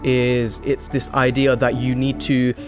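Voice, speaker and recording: An earnest man hosting a relaxed podcast conversation, his voice at an ordinary pitch for a man. He often stops and restarts his sentences as he works out his point. Faint music sits under the talk. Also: a little slow. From England. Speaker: podcast host. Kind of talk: casual podcast chat.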